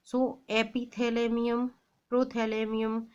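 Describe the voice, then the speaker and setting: Indian woman, exam teacher, very slow measured delivery, slightly high voice, reads questions then gives answers. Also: level tone, darkish tone, clear, resonant tone, dull audio. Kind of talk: quiz-style exam lesson.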